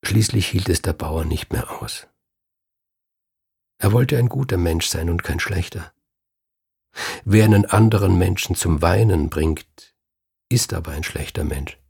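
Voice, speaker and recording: A man reading a dark fairy tale aloud in a slow, measured storytelling manner. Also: sits low. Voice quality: gravelly, husky voice. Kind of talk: storytelling narration.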